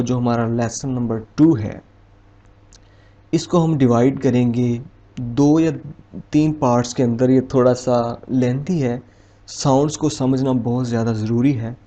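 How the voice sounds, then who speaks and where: A man's voice: mid-range voice, dark tone. A man teaching an English vowel lesson, patiently explaining and repeating each example word one at a time. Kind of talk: slow spoken English lesson. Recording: dull lo-fi recording.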